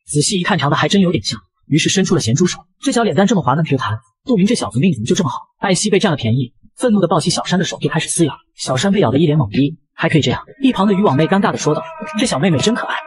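A man narrating a manga recap in a brisk, breathless scripted delivery. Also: high-pitched.

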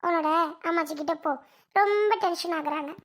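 A woman's voice: very high-pitched, brisk. A woman playing a young mother in a family comedy skit, who brushes off and mocks her nagging mother. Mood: dismissive. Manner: brushing off, mocking. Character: young mother, dismissive and teasing.

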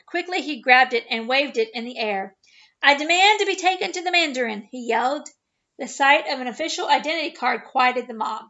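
A woman reading a chapter book aloud to children, with steady, expressive narration. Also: high-pitched, muffled recording. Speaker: children's ministry storyteller.

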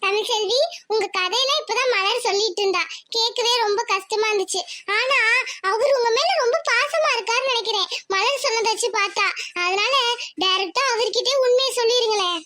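A voice actor playing a calm, persuasive young woman in a cartoon, giving advice. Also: very high-pitched, fairly quick, background noise.

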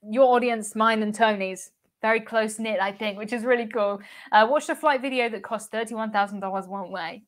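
A woman's voice: fairly high pitch, fairly bright tone. Chatty woman host on a live stream. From United Kingdom. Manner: chatty, laughs often, repeats words. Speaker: cruise channel host. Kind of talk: live stream chat reading comments.

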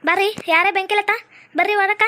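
A woman's voice: extremely high pitch, fairly even intonation, pushed and bright. A woman doing a scolding female police officer. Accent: North Karnataka Kannada. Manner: scolding, threatening, rapid.

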